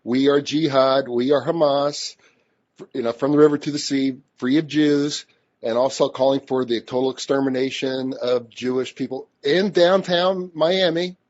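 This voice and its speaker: A man's voice: medium pitch, fairly even intonation, moderate pace, darkish tone. A man co-hosting a talk radio show, eagerly chiming in with short remarks. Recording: dull studio broadcast.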